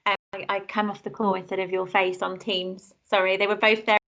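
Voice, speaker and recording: A woman heard over a video call, explaining software step by step in a casual, chatty way. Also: mid-range voice, little pitch movement, a little fast. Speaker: trainer demonstrating software. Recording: muffled video call audio.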